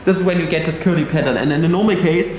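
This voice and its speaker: A man casually narrating a woodworking vlog, talking excitedly and swearing now and then as he works on wood in his workshop. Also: on the high side, racing, slight background noise. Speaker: woodworking vlogger. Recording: very echoey workshop room.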